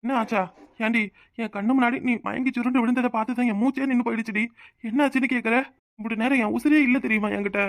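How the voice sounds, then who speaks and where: A woman voicing an emotional young village husband in a cartoon, with a Tirunelveli Tamil accent, pleading and quick to flare up. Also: a little high, steady tone, dry recording, clean studio sound, lightly acted. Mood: earnest. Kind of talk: cartoon voice acting.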